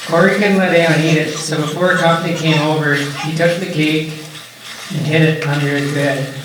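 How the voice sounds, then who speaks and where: A man's voice: on the high side, steady tone, moderate pace. A young man from Canada giving a wedding toast as best man, telling light anecdotes. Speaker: best man, groom's older brother. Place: large echoey indoor reception room, mic far away. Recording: very echoey, distant, noisy event hall.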